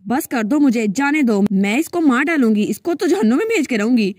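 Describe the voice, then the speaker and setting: A woman's voice: sits high, lively intonation, fairly quick, no room sound, studio quality. A woman voicing a fierce, protective older sister. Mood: furious. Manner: angry, sharp outbursts.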